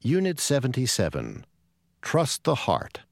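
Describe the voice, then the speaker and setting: A man announcing lesson units and reading exercise instructions in a clear, instructive way. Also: medium pitch, wildly swooping pitch, measured pace, dry recording, clean studio sound. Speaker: course announcer. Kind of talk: textbook instructions.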